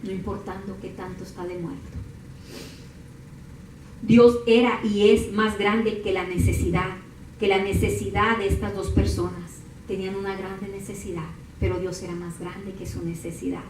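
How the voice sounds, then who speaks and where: A woman preaching a sermon, moving from calm teaching to high, impassioned crying out. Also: moderate pace, background noise. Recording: echoey room from far off.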